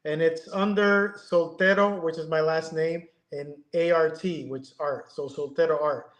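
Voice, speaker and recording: A man in his fifties from Connecticut, a guest talking in a casual, halting way, with many ums and restarts. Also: a little high, fairly even intonation, roomy sound, poor audio. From Connecticut, USA. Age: 50s. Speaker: guest, airbrush artist. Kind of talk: casual interview chat.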